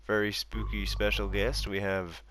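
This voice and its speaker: A tired male host in a casual podcast chat, his voice sitting a little low. He rambles and keeps restarting his sentences as he introduces the topic. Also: flat delivery, normal speed, crowd noise.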